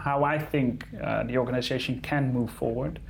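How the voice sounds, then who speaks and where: Male interviewee, non-native speaker, careful English, conversational, gravelly creak, mid pitch. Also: fairly even intonation, normal speed, slight background noise. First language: not English. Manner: careful English, searching for words. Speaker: conservation photographer being interviewed.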